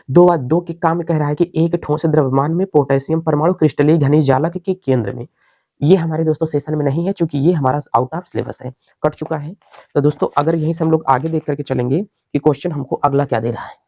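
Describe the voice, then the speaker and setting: A man's voice: fairly high pitch, no echo, lo-fi sound. A male teacher giving an exam-prep chemistry lecture, explaining step by step and answering his own questions.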